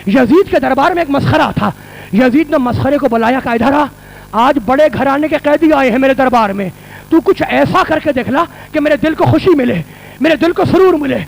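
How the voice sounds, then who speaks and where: A man's voice: very high-pitched, gravelly. A male religious scholar preaching a passionate mourning sermon to a gathering in a mosque hall. He repeats his phrases for emphasis and builds toward cries.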